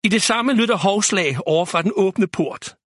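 A man narrating a children's fantasy story in a steady, clear reading. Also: high-pitched, no room sound, clean studio sound.

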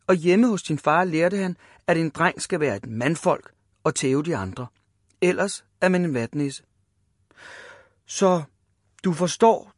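A man reading a children's story aloud, lively and voicing the characters. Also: sits high, dry recording, studio quality.

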